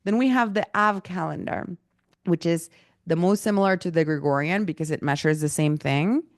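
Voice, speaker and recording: A woman's voice: fairly low pitch, moderate pace, no echo, studio quality. A woman teaching an online workshop, talking casually with many fillers, her throat a little irritated. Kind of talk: online presentation talk.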